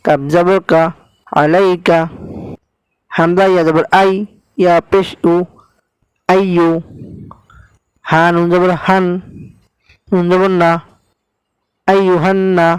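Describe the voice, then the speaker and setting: Male recitation teacher with a Bangladeshi Bengali accent, spelling syllables one by one in a smooth voice, dry close sound. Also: sits high, flat delivery, takes it slowly, long pauses, no room sound, poor audio. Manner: spells out each syllable then blends it. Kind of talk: slow spelled-out recitation lesson.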